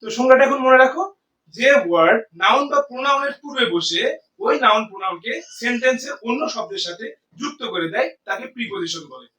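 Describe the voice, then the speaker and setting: High-voiced man teaching grammar. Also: expressive, sharp tone, roomy sound, distant mic, low-quality recording. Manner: explains slowly, asks and answers own questions, often says "ঠিক আছে". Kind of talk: classroom lecture in Bengali and English.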